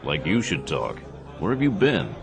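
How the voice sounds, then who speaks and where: Tough action hero, extremely low voice, dry and understated, audio drama over clear music. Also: male voice, sing-song, moderate pace, exaggerated voice. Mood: dry, teasing. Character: tough, laconic male action hero, drily teasing.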